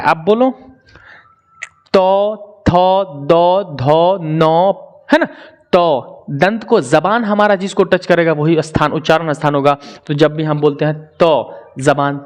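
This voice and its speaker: A young man teaching a grammar lesson, drawing out syllables slowly and asking viewers to answer in the comments. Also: on the high side. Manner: drills sounds slowly, repeating syllables.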